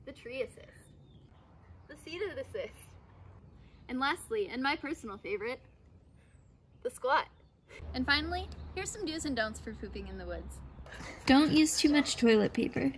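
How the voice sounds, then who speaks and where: Her fairly high voice upbeat yet playfully deadpan, a young outdoor skills instructor walks through a scripted how-to lesson at normal speed, leaving long pauses. She's recorded on a camera mic in a backyard, with a faint outdoor hush and a little hiss or hum.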